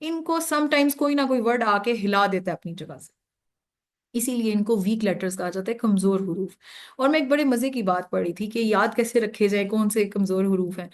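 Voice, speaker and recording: A woman teaching a beginner grammar lesson, explaining patiently, dropping English terms into her speech and often checking that the class is following. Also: mid-range voice.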